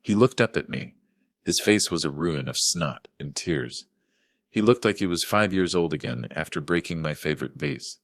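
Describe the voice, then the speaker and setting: Older man narrator, steady measured delivery, very deep voice, dry close sound. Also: dry recording. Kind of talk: first-person story narration.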